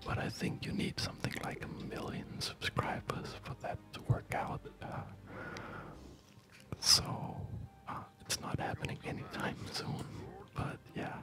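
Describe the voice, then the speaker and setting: Soft, breathy whispering comes from a man in his thirties who makes ASMR videos, here commenting on a game. His gentle delivery includes hesitant pauses, set against background music.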